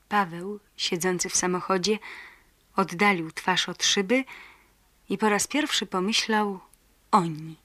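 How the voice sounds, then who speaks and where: A woman's voice: on the low side, a bit bright, no room sound. A woman reading literary prose aloud expressively, lifting her voice for the characters' lines. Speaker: reader of prose.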